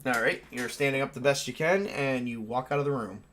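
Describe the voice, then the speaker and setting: A man with a medium-pitched, brisk, somewhat bright voice runs a tabletop role-playing session as game master. His unscripted narration and chat are casual, and he repeats phrases while thinking aloud.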